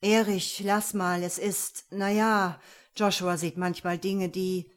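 A woman's voice: fairly low pitch, flat delivery, slow. A woman reading an audiobook, voicing a hesitant, protective middle-aged father.

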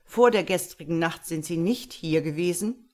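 A woman reading the part of a stern, self-satisfied male police inspector who speaks loud and curt. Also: lowish voice, moderate pace, lightly acted.

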